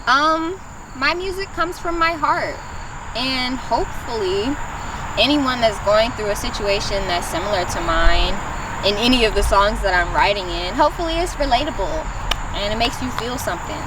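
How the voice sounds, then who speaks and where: A woman's voice: fairly high pitch, animated, normal speed. A young American woman who laughs easily as she chats casually as an interview guest. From Maryland, United States. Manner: giggly, often breaking into laughter. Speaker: interview guest, singer-songwriter. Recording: outdoors, distant mic, clear background noise.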